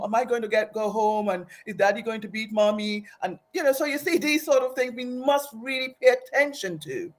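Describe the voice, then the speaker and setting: A woman with a fairly high-pitched voice, born in Aruba and raised in Trinidad, shares her personal story as a guest in an interview. She is earnest and reflective, and she frequently restarts her phrases.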